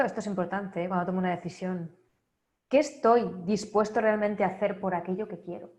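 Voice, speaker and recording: A woman speaking at an online wellness congress gives a motivational talk full of rhetorical questions, often checking in with a quick "right?" or "¿vale?". Her voice is mid-range with a darkish tone, and the room sounds echoey.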